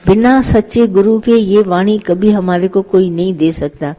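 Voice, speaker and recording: Mellow-voiced woman giving a satsang talk. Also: medium pitch, fairly even intonation, measured pace, soft background music, poor audio. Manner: conversational, tells parables with acted quotes, mixes English words. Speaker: spiritual teacher leading satsang. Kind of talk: devotional satsang discourse.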